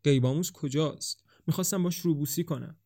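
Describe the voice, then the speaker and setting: A man voicing a frightened young woman who pleads in a slow, drawn-out way in an audiobook. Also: on the high side, mellow. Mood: terrified. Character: frightened young woman clinging to her lover.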